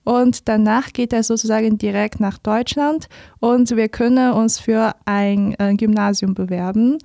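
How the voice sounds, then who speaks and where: A woman's voice: fairly high pitch, steady tone, unhurried, gravelly, mellow, dry recording. A woman in her twenties from China, a native Chinese speaker with a Chinese accent, telling her story as a guest in a studio interview, careful and with many fillers. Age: 20s. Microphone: studio mic.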